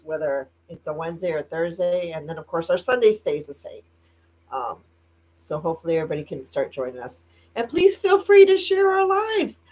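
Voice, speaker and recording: A woman's voice: on the low side, darkish tone, rough recording. Chatty, laugh-prone woman hosting a live stream. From Indiana, United States. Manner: chatty, laughs often, reads viewer comments aloud. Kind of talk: casual live-stream chat.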